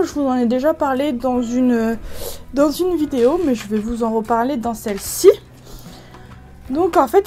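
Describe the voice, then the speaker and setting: A woman from France walks viewers through a crafting project in a relaxed, chatty way. She often stops on fillers and starts her sentences over. Her voice sits fairly high yet sounds mellow and warm. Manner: chatty, many fillers and restarts. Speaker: craft video creator. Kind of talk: casual crafting tutorial.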